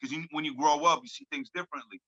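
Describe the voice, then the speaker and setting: Speaking very fast in a slightly high, sharp voice with fairly even intonation, this thirty-something hip hop artist guests on a casual video call interview. Born in France and raised in Lebanon, he's relaxed and slangy, full of "you know what I'm saying" fillers. The sound is dull lo-fi call audio without echo.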